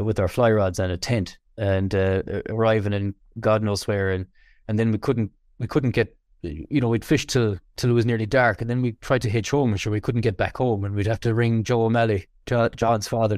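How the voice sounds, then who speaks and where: A man with a west of Ireland accent chatting casually in an interview, halting and repeating words as he thinks. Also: fairly low pitch, darkish tone, dry recording, clean studio sound. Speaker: fly fishing guest.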